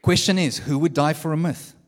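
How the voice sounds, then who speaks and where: Guy preaching a sermon, kinda high voice, chatty with slang, big echoey church hall. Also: brisk. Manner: casual, conversational preaching with slang. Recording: long hall reverb.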